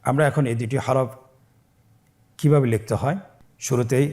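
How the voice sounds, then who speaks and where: A man teaching Quran reading, spelling out letters and syllables slowly for listeners to repeat after him, stretching each joined word. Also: mid-range voice, steady tone, a little mellow. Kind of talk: slow recitation lesson with call-and-repeat drills.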